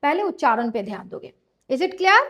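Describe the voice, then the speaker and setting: A woman's voice: high-pitched, sing-song, moderate pace, dull audio. A woman teaching an English grammar lesson in Hindi, putting questions to students and answering them herself, often checking whether they understood.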